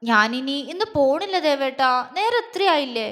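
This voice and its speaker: A woman's voice: high voice, sing-song, moderate pace, fairly bright tone, long reverb tail. A woman voicing a shy, innocent young woman who speaks sweetly and a bit playfully, in a story reading.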